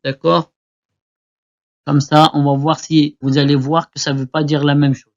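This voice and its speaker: A man teaching Arabic letters to beginners, repeating each word slowly for learners to copy. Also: a little high, little pitch movement. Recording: dull lo-fi recording.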